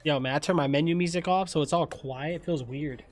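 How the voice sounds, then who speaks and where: A man chatting casually with friends while gaming, relaxed and joking, full of slang. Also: a little high, a little fast, soft background music. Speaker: streamer and player. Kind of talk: casual gaming banter on voice chat.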